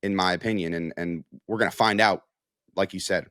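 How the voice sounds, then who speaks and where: His voice is low, steady, and a bit bright, moving fairly quickly as this American sports reporter chats casually on a podcast, sharing analysis conversationally with plenty of "like" and "you know." The sound is clean studio audio without echo.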